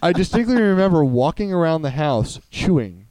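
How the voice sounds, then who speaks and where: A young man with a dark, mellow, smooth voice tells rambling stories in casual chat. He jokes a lot and leans on crude humor. The sound is close and dry. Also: fairly high pitch, very animated, normal speed, no echo. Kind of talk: casual chat, comic storytelling.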